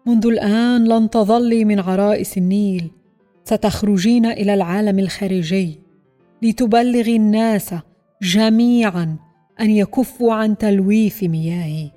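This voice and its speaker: A woman voicing the solemn, angry male king of a great river in a children's storybook reading, with soft music behind. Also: medium pitch, moderate pace, voice pushed down, lightly acted. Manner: stern, solemn, commanding.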